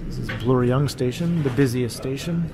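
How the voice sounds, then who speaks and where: A man's voice: mid-range voice, normal speed. A man chatting casually and informally as a video host riding the subway, friendly and given to chuckling. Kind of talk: casual chat while filming a journey. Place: inside a subway train. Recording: very loud subway train noise.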